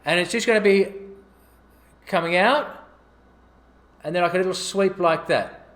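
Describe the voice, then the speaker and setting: A man's voice: sits high, a little slow, a bit bright. A man casually demonstrating a facial gua sha routine, counting his strokes aloud as he works.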